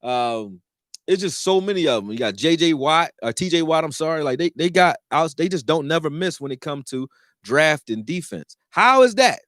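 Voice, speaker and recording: A man's voice: moderate pace, dry recording, studio quality. Loose, profane Philly man talking football. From Philadelphia, raised; born in Texas. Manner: loose and profane, swings between excited and low mumbling. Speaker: sports talk host. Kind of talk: casual live-stream sports talk.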